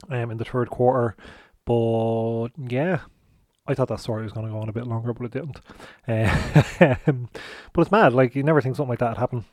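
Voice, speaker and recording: A man's voice: mid-range voice, a little mellow, dry recording. A man in his thirties reviewing cereal in a casual, rambling chat, swearing now and then and talking while he eats. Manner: chatty, swears, talks while eating.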